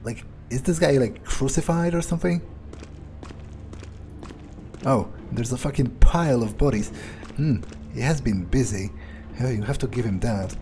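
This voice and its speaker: With a dark tone at a mid-range pitch and moderate pace, a man delivers sardonic, in-character commentary as he plays, musing aloud. Game music and slight background noise sit under his voice.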